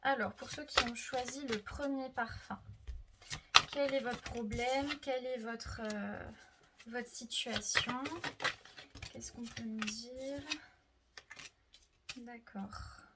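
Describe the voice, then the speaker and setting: A woman giving a casual tarot reading, thinking aloud with many fillers and soft murmurs to herself as she draws cards. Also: fairly high pitch, steady tone, slow pace, pauses often, very noisy. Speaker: tarot reader.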